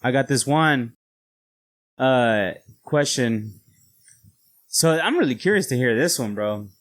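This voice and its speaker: A man's voice: mid-range voice, lively intonation, slow pace. A man hosting a podcast in casual, slangy, informal conversation. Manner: slangy, informal, often saying "bro". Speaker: podcast host.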